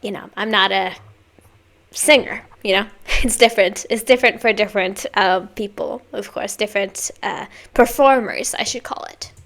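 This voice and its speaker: A woman's voice: mid-range voice, normal speed, fairly bright tone. A woman who is a native Swedish speaker, giving chatty, explanatory commentary in a casual reaction video.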